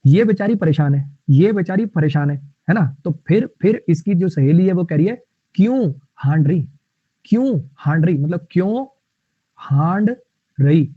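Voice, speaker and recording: A man teaching English vocabulary in a live online class. He explains words with playful mnemonics and reads the English example sentences slowly. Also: high voice, lively intonation, slightly rough, no echo. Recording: tinny, phone-like line.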